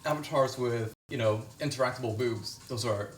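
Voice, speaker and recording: Male streamer, casual home livestream, swears a lot, laughs easily, mid pitch, echoey room. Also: normal speed, recorded from a distance. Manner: profane, laughs often. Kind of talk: casual livestream chat while cooking.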